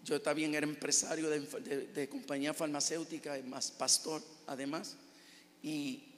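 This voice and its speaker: A middle-aged man, a pastor, giving an earnest testimony with halting, repeated words. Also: a little high, little pitch movement. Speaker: pastor and businessman. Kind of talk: testimony in a sermon. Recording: long hall reverb.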